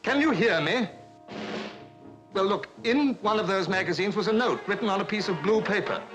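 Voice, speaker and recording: Anxious high-voiced father. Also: lively intonation. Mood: anxious urgency. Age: middle-aged. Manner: halting, insistent, pleading. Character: anxious, urgent, pleading middle-aged father. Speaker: actor. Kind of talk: 1950s film drama acting. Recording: old film soundtrack, music underneath.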